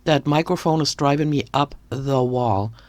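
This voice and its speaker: A woman's voice: a bass voice, moderate pace, darkish tone. A woman giving critical commentary on another creator, talking in an indignant, ranting way. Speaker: commentary youtuber.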